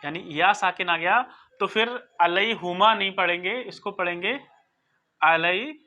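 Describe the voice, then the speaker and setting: A teacher giving a recorded lesson, explaining slowly and patiently, sounding out word forms and often checking that listeners follow. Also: medium pitch, sharp tone. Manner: patient, repeats and checks understanding. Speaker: Arabic grammar teacher. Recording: dull lo-fi recording.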